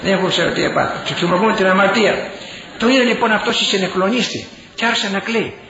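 A man's voice: sits high, crowd noise, noisy background. An older man, a bishop, giving a fiery sermon-style speech, exclaiming and repeating his phrases. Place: large hall. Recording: dull echoey hall recording.

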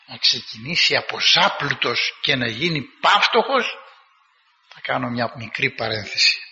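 Man, preacher, sermon, vivid storytelling, acts out dialogue, sharp bright voice, dull recording, long hall reverb. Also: mid-range voice, slight background noise. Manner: lively storytelling, acting out quoted dialogue in a raised voice.

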